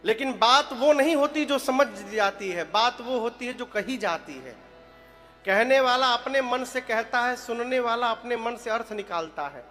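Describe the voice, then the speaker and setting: A man's voice: very high voice, animated, a little slow, bright, forceful tone, faint music behind. A man preaching a devotional story sermon, telling stories, quizzing his listeners and singing short verse lines. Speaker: katha preacher.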